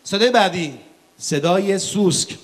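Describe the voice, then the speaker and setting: A man's voice: sits high, expressive. A man hosting a comedy sketch on stage, playing the exasperated straight man. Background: live audience.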